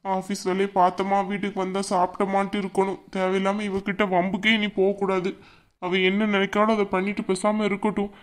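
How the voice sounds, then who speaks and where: A woman's voice: mid-range voice, flat delivery, a little fast, lightly acted. A woman voicing a young husband in a cartoon who blusters and threatens his wife. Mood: grumbling. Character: bullying young husband, now cowed. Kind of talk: cartoon voice acting.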